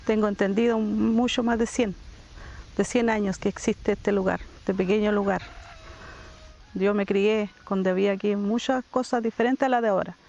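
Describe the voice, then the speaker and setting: An older community leader from southern Chile, giving a slow, reflective documentary testimony with pauses. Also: mid-range voice, steady tone, vocal fry, a little mellow, muffled recording. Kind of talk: documentary testimony mixing Spanish and Mapudungun.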